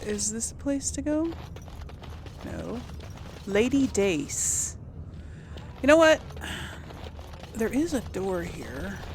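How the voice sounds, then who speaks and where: A woman with a medium-pitched, sing-song voice speaks slowly and pauses often as she hosts a casual video game let's play. She rambles and muses to herself, thinking aloud while commenting on the game. Faint background noise is audible.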